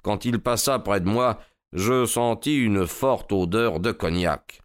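A man narrating a classic detective story in a measured, deliberate storytelling manner, close on a studio mic. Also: lowish voice, no room sound. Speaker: audiobook narrator. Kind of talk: scripted literary narration.

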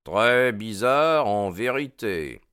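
Man doing methodical gent detective, asks stuff slow and polite, lowish dry voice. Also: very animated, fairly bright tone, smooth, dry recording, heavily acted. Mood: musing. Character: sharp methodical male detective, calm and probing.

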